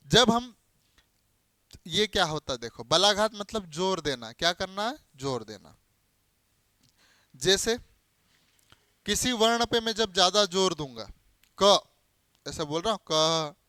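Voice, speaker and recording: A man teaches a Hindi grammar lesson to a class, asking questions and answering them himself while repeating key terms. He explains by spelling out letters and giving everyday examples, in a high-pitched, sharp, clear, resonant voice with no echo.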